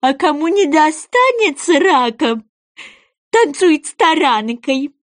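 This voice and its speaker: A woman voicing an excitable little male goby fish in a storybook reading, with an eager, drawn-out, sing-song delivery. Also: high voice, pitched above the performer's own voice.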